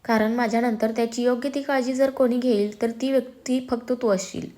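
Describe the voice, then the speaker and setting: A woman voicing a determined, ambitious young man who speaks firmly and teases his twin brother with calm confidence. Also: fairly high pitch, brisk, natural voice. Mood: earnest. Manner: firm, self-assured, gently teasing.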